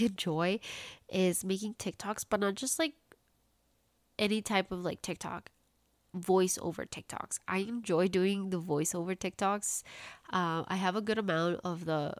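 A woman in her late twenties hosts a casual solo podcast, chatting bubbly and packing her speech with "like." Her lowish voice is steady and a little slow, her nose sounds stuffy and congested, and there's no room sound.

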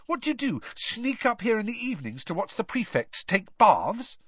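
A man's voice: high voice, sing-song, moderate pace, a bit bright, husky, dry recording, voice pushed up, full character voice. A man voicing an earnest, indignant teenage boy wizard in an audiobook. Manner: earnest, indignant, a bit awkward. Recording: dry, dull lo-fi recording.

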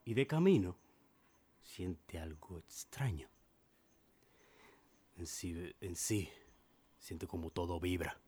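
A man's voice: deep voice, expressive, slow, long pauses, warm tone, slightly rough. A man co-hosting a podcast, telling an improvised comic story in a playful way.

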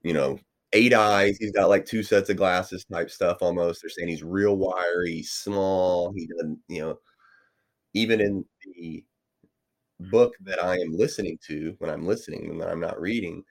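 A man's voice: low voice, fairly even intonation, moderate pace. A man co-hosting a podcast, chatting casually about a novel, rambling with lots of fillers. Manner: rambling, many fillers like "you know". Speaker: podcast co-host. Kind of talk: casual book discussion.

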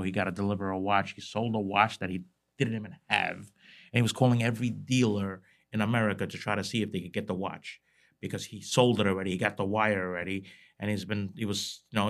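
A man from Iraq, a watch dealer guest on a podcast, talking in a brash, streetwise, emphatic way. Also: lowish voice. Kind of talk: casual podcast conversation.

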